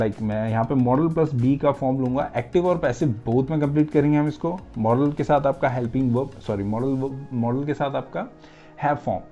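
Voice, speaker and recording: Male teacher, mid pitch, slightly dull recording with faint music under it. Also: mellow. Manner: repeats "right?" as a check-in. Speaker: English grammar teacher. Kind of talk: explanatory lecture mixing Hindi and English.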